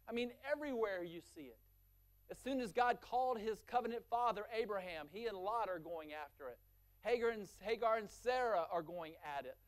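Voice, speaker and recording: A pastor, male, gives a sermon in which long lists build up force and the crucial points come out low and quiet.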